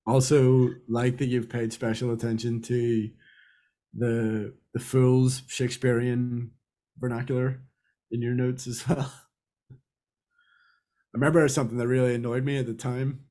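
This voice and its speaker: A man's voice: mid-range voice, little pitch movement, measured pace, pauses often, mellow. A young man from Britain, a podcast co-host talking casually and rambling with many fillers. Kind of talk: casual chat.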